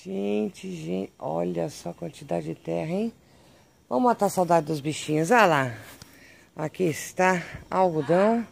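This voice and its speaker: A woman's voice: lowish voice, a little slow, creaky. A Brazilian woman vlogging outdoors, filming on a handheld phone and baby-talking affectionately to her animals. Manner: affectionate, coos and baby-talks to pets. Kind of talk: casual vlog narration while filming. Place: outdoors among animal pens and a vegetable garden. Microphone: handheld phone camera.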